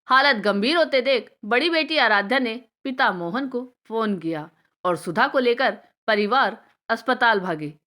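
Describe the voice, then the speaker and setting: Emotive woman storyteller, fairly high voice. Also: sharp tone. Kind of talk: scripted story narration.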